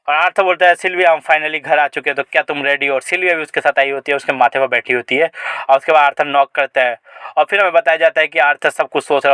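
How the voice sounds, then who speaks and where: Fast, bright young man recapping a comic. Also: on the high side, clean tone, dry recording. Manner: chatty, excited asides to the viewer. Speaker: story recap narrator. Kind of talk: casual comic recap narration.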